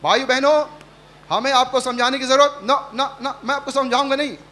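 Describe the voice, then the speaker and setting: With a very high, pushed and bright voice held steady at a moderate pace, a male pastor gives a Sunday sermon in Hindi during a church service. He acts out quotes and guides the congregation through call-and-response.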